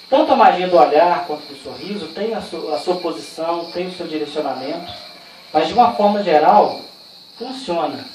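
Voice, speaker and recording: A man with a Brazilian Portuguese accent leads a training session in a relaxed, conversational way, asking rhetorical questions and telling personal stories. His voice sits fairly high and carries through a roomy, echoing space. He is picked up from some distance away, and faint crickets and insects can be heard behind him. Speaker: workshop trainer. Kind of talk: informal training talk. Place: indoor training room. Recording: echoey room, far from the mic, faint insect noise.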